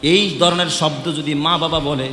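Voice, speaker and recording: A male Islamic preacher delivering an impassioned sermon to a congregation, switching between loud fervent calls and hushed scolding, chanting Arabic verses in a drawn-out melody. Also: a little high, fairly even intonation, slight background noise. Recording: echoey live hall recording.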